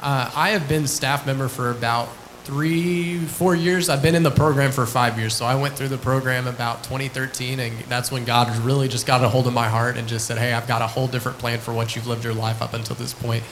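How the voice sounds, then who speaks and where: A man, a ministry staff member, sharing a friendly, relaxed testimony with frequent fillers. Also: mid-range voice, brisk, slight background noise, poor audio. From Lubbock, Texas. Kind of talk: church testimony and introduction.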